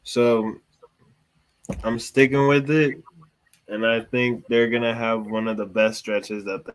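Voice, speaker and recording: A man's voice: medium pitch, flat delivery, slow pace. A man co-hosting a casual sports chat, his voice breaking up and cutting out over a failing online call. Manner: laid-back fan talk with fillers. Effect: voice cutting out over a dropping online call. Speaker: podcast co-host.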